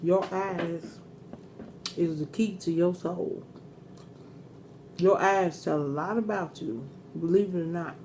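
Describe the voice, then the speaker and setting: Low-voiced woman chatting through crunchy fried chicken. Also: fairly even intonation, slow, pauses often, dark tone, slight background noise. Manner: eating crunchy fried chicken while talking; earnest, advice-giving, repeats points. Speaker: mukbang host. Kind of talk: casual mukbang chat, talking while eating.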